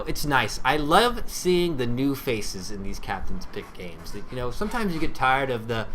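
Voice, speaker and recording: A man's voice: mid-range voice, fairly bright tone, low-quality recording. A man doing amateur esports caster commentary on a game stream, chatty and repetitive. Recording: home stream with background game noise. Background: game sounds and announcer.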